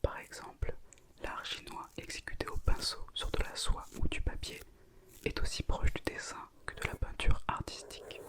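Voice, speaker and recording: A woman reads an educational script in an intimate, unvoiced ASMR whisper. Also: moderate pace.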